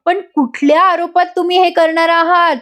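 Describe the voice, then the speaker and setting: A woman's voice: very high voice, fairly even intonation, normal speed, fairly bright tone, voice pushed up. A woman playing a worried mother-in-law. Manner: anxious, protesting.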